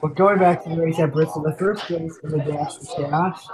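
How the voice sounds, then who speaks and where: A man's voice: a little high, fairly even intonation, a little fast, a crowd in the background, rough recording. Male host with a cold, loose and chatty, reading race results off a rundown. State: sick, coughing. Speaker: podcast host. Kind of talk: casual sim-racing recap chat.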